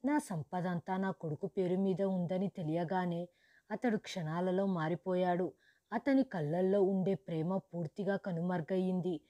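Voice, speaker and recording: A woman narrating a storybook in the first person as a grieving, widowed mother who lost her wealth, in a steady, measured reading. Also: lowish voice, no room sound, close to an everyday voice. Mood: sorrowful.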